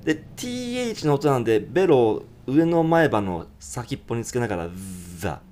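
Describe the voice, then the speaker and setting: A man, a university English teacher, giving a pronunciation lesson who sings lyric lines slowly and then explains them quickly. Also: medium pitch, big pitch swings, darkish tone, slight background noise. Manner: breaks lyrics into slow drawn-out syllables, then explains quickly.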